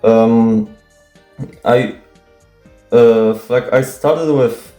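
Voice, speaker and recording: A young man, Polish by native tongue, nervously answers viewer questions unscripted, stammering and restarting with many fillers and casual swearing. His mid-range voice is gravelly and warm, extremely slow, with big swings in pitch. Faint music sounds in an echoey room.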